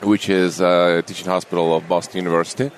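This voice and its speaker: Deep-voiced, middle-aged man; friendly, unhurried interview guest. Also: flat delivery, slight background noise. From Russia. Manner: unhurried, friendly, with small grammar slips. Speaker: anesthesiologist guest. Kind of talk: casual interview conversation.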